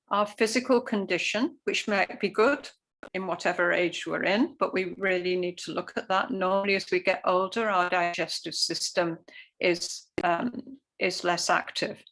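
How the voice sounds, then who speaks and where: A woman's voice: mid-range voice, a bit bright, low-quality recording. A woman who teaches Ayurveda, explaining things earnestly with plenty of fillers during a talk over a video call. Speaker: Ayurveda educator.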